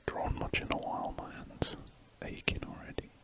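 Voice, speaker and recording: At a normal speed, an ASMR artist murmurs in an unvoiced whisper near the mic, drawing as they ramble and fix what they've just said.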